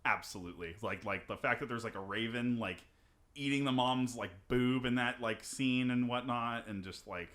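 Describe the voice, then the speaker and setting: Young man, podcast co-host, bright voice, rambling casual chat. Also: medium pitch, moderate pace. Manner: rambling, searching for words.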